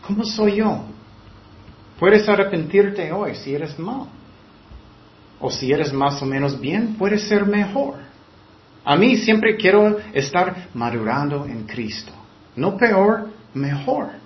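High-voiced man preaching in an echoey room. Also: expressive, slow. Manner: preaching with mocking quoted voices. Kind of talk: sermon. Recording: echoey room, dull lo-fi sound.

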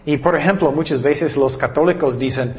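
A man preaching a sermon in an animated way, stumbling over some words and acting out the people he quotes. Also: on the high side, normal speed. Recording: echoey hall, dull lo-fi sound.

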